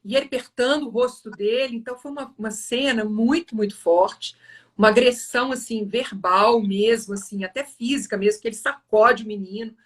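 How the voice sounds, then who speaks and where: A woman's voice: a little high, distant mic. Earnest woman retelling a story. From Brazil. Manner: earnest, halting storytelling with restarts. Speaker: host of a live series. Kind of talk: retelling a film scene.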